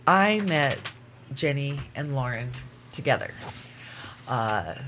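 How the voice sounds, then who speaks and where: Man, guest storyteller, earnest, halting, mid-pitched, faint background noise. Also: big pitch swings. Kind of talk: personal storytelling in casual talk.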